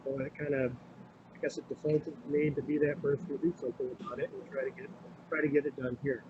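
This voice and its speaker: A middle-aged man, a county administrator, giving a formal, halting presentation to a committee over a crackly remote phone line that fades in and out. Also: medium pitch, level tone. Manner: halting, with many filler sounds. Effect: crackly remote phone line, fading in and out.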